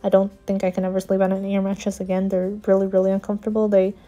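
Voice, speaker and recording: A woman's voice: mid-range voice, monotone, rapid-fire, dark tone. A young woman telling a story in a casual, chatty, candid vlog voiceover. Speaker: planner vlogger. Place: home, voiceover.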